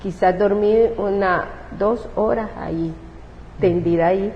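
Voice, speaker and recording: A woman pastor from a Salvadoran background, judging by her accent, gives her testimony in an interview in an unhurried, mid-range voice with fairly even intonation. She speaks emotionally and acts out the words she once said. There's a roomy, dull quality to the recording and a faint hiss.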